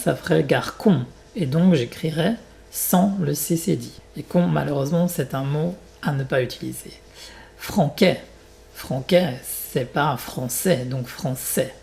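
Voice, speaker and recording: A French teacher talks beginners through pronunciation at an unhurried pace, with a gravelly, creaky edge to the voice. Every example word is spoken with careful articulation and repeated, with a quick English gloss slipped in now and then. The tone stays patient and methodical. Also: medium pitch, a little mellow. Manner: gives short English glosses between French.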